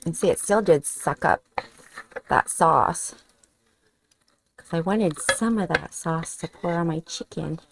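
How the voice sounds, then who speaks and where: A woman's voice: fairly low pitch, slow, creaky, long pauses, noisy background. A woman vlogging a cooking demonstration in her home kitchen, chatting casually and thinking aloud as she cooks and tastes.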